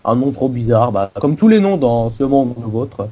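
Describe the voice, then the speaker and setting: A man's voice: medium pitch, animated, normal speed, warm tone. A man co-hosting a casual gameplay video, explaining a game server in a rambling, self-mocking way. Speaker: co-host giving a game server tour.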